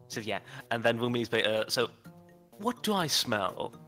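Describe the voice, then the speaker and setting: A man's voice: mid-range voice, creaky, a bit bright. A man playing a tabletop game, casually narrating his character's actions and chatting with the group. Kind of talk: casual role-play narration with table talk.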